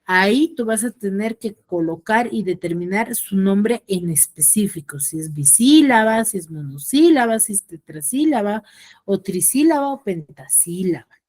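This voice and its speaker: A woman's voice: medium pitch, lively intonation, moderate pace, darkish tone. A woman teaching an online class as a secondary school teacher over a video call, who checks in with her students often and patiently.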